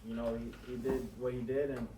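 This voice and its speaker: A man in his twenties on a podcast, talking earnestly in halting phrases with many restarts. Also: medium pitch, little pitch movement. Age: 20s. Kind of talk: casual chat. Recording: echoey room, distant mic, faint noise.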